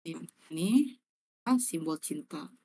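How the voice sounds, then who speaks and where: A woman's voice: low voice, expressive, takes it slowly, darkish tone, breathy edge. A young woman, teaching a live online class in a chatty, slangy way and checking often whether students understand. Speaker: online exam-prep tutor.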